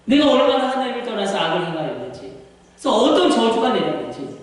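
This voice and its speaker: Impassioned high-voiced male pastor preaching. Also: very animated, fast, a little hiss or hum. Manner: impassioned preaching, swings between hushed and shouted exhortation. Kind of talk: sermon. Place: church sanctuary. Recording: echoey church hall, distant mic.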